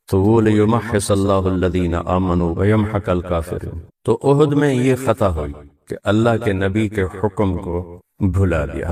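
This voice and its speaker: Deep-voiced man preaching a sermon. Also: darkish tone, distant mic. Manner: narrates history with quoted dialogue and Arabic verses. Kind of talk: sermon storytelling.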